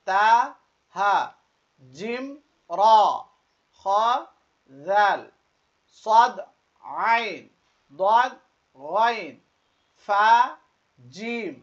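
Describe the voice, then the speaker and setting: A Quran teacher giving an online class, calling out letter names one at a time and stressing some of them loudly. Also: medium pitch, dull audio.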